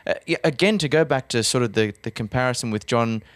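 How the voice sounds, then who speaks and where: A quick, animated Australian man riffs on football with a joking edge. His voice is mid-pitched and recorded close and dry, with no room sound. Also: no echo. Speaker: podcast co-host, football pundit. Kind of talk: casual podcast chat.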